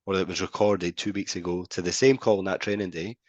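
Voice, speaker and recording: A man with a very low, deep voice tells stories in a loose, animated podcast chat. He slips into other people's voices to act out phone calls. The sound is close and dry, with no room around him. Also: fast, no echo, muffled recording. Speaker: podcast co-host. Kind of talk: casual podcast conversation.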